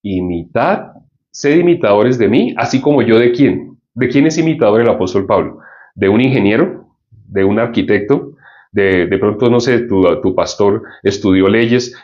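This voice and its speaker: A man's voice: fairly low pitch, darkish tone. A man preaching a sermon, often asking the audience questions and repeating points for emphasis. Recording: dull lo-fi sound.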